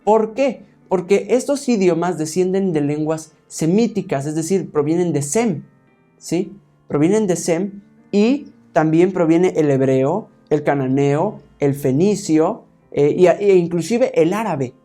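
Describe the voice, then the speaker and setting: Warm, a little high, and somewhat slow, this preacher's animated voice is backed by faint music. He walks the congregation through a Bible lesson point by point, addressing them as "hermanos" and frequently asking "¿sí?" to make sure they follow.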